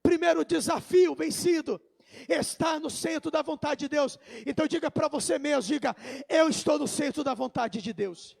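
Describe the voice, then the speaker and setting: A man with a Brazilian accent preaches in church. His voice sits very high and carries a heavy gravelly fry. He tells his story softly, then climbs into loud, shouted declarations. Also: moderate pace. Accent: Brazilian Portuguese. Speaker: pastor. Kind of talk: Pentecostal sermon.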